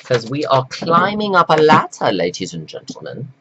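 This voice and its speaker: A man delivering a slow, preachy, scolding monologue to men, reading from notes with sudden jumps in pitch. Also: huge pitch swings, sharp tone, dull audio, slight background noise. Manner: reads from notes. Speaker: self-styled life coach addressing men. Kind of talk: lecturing monologue to camera.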